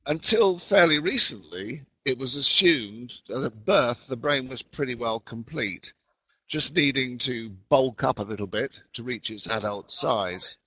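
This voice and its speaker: A man explains things in a calm, deliberate lecture voice at a middling pitch. He comes through a patchy remote call line that keeps fading in and out. The sound is dull, muffled and completely dry. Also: breathy edge, no room sound. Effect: patchy online call audio that fades in and out. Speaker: webinar speaker. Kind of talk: educational lecture. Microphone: remote call mic.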